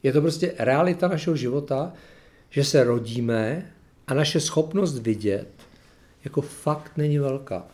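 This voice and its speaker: A man with a mid-pitched, ordinary voice reads a gospel passage aloud in a plain, unhurried way. He then moves into loose personal reflection on it. There he searches for words, restarts sentences and leans on fillers. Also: animated, a little mellow. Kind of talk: Bible reading followed by personal reflection.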